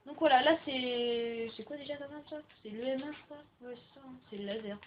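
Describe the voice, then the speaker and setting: A woman's voice: sits high, fairly quick, muffled recording, a little hiss or hum. A young woman rambling casually through gaming commentary, with frequent filler words, into a home computer microphone. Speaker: gaming video maker.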